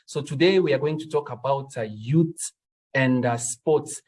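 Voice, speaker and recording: A man from the Democratic Republic of Congo moderating an online panel, speaking slowly with frequent fillers. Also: mid-range voice, a little mellow, low-quality recording.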